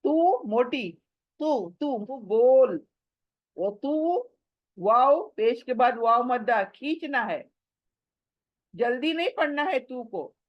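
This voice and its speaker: Slow-paced woman teaching Quran recitation. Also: a little high, lively intonation, dry recording, dull audio. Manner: slow, drawn-out chanted recitation of verses between explanations; patient, repeats and asks the listener questions. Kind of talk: tajweed lesson mixing Hindi and English.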